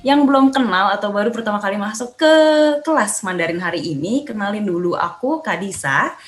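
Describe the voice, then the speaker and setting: A woman's voice: mid-range voice, lively intonation, fairly quick, fairly bright tone. A young woman teaching an online Mandarin lesson in a cheerful, chatty way, drilling syllables aloud with exaggerated tones. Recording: echoey room.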